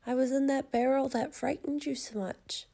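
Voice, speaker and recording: A woman's voice: high voice, fairly even intonation, moderate pace, gravelly, warm tone. A woman voicing a clever little pig in a storybook, cheeky and self-assured. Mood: smug.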